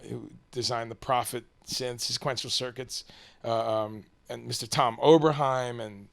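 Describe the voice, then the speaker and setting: A man's voice: medium pitch, fairly even intonation, a little slow, vocal fry. A man interviewing someone casually on camera, rambling and hesitant as he sets up his questions.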